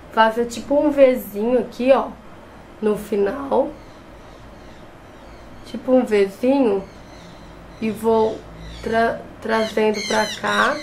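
A fairly high, slightly mellow voice comes through poor audio with a little hiss or hum. The speaker is a young adult beauty vlogger with a cold who chats through a makeup tutorial close to the camera in front of her, often restarting words, from a small bedroom with shelves and a clothes rack.

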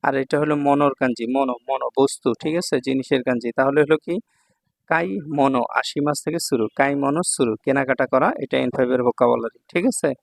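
A man's voice: medium pitch, steady tone, quick pace, creaky, no echo. A man teaching Japanese kanji in a recorded online lesson, explaining each word patiently and checking in often. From Bangladesh. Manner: patient, repeats words and checks with "thik ache".

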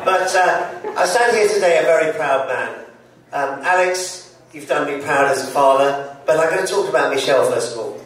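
A man's voice: a little high, normal speed, a bit bright. A middle-aged man giving a father-of-the-groom wedding toast with dry, self-deprecating humor. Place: large indoor reception hall. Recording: echoey hall from far off, noisy.

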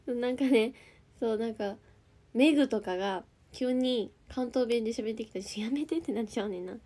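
A young adult idol group member with a Kansai accent chats casually on a livestream, reading out viewer comments and answering them as she goes. Her voice sits a little higher than most and has a dark tone, and she talks a little fast.

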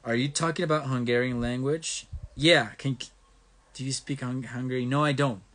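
His mid-range voice is fairly bright, a little slow, and fairly even in intonation. The young host from Mexico chats casually on a phone livestream in a mix of Spanish and English, taking viewer comments in turns, reading them aloud and giving his answers.

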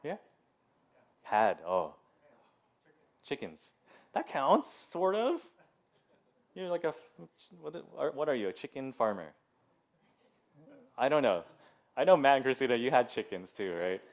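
A man's voice: mid-range voice, very animated, unhurried, pauses often. A man in his thirties giving a casual sermon as pastor in a church, chatty and full of "like" and "um", with laughing asides. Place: church sanctuary.

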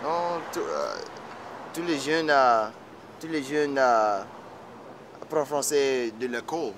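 At medium pitch, with lively intonation and a slow pace, a Texan fiddler in his twenties talks in a Louisiana Creole and Cajun French accent. He handles interview questions loosely, often searching for the right word. The clip is a noisy outdoor camera recording from a yard by a house and street, mic a short way off.

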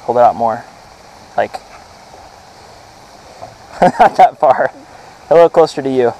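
A man's voice: medium pitch, lively intonation, unhurried, warm tone. A young man hosting a casual fishing vlog, talking straight to viewers on an action camera. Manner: enthusiastic, addresses viewers directly. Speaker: fishing vlogger. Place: indoor den, then outdoors on a farm pond.

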